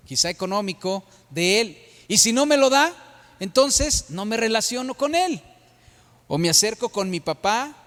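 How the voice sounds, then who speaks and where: High-voiced Mexican pastor preaching in a hall. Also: male voice, fairly bright tone. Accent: Mexican Spanish. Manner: questioning the congregation with frequent tag questions. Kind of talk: sermon. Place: church hall. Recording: long reverb of a church hall.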